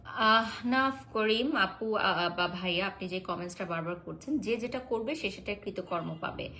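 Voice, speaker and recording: A woman, chatting casually in a live-stream sales pitch, answering viewer comments and slipping in English filler words. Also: normal speed, pushed and bright, low-quality recording.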